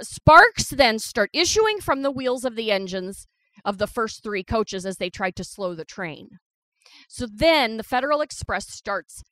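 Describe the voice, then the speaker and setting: A woman co-hosting a podcast, recounting a history story in casual chat as a lively storyteller who holds her ground against interruptions. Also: fairly high pitch, no echo. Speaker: podcast co-host.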